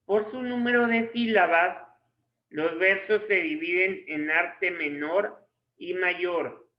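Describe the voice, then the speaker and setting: Slow, dictating male literature teacher. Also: high voice. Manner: reads slowly in short phrases as if dictating. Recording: echoey room, dull lo-fi sound.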